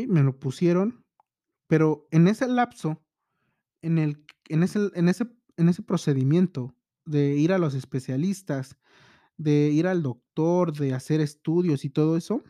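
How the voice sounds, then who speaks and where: A young man telling a personal story in a halting, emotional way, full of repeated restarts. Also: a little high, warm tone, no echo.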